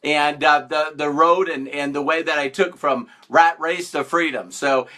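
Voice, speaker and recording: A man's voice: a little high, steady tone, measured pace, sharp tone. A man hosting a casual live stream as a motivational speaker, greeting viewers by name and stressing points with playful mock sarcasm.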